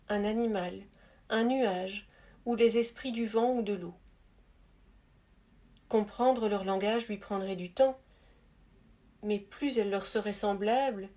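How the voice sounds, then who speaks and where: A woman reading a spiritual story aloud in a soft, measured, gentle narrating voice. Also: medium pitch. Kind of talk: calm read-aloud storytelling.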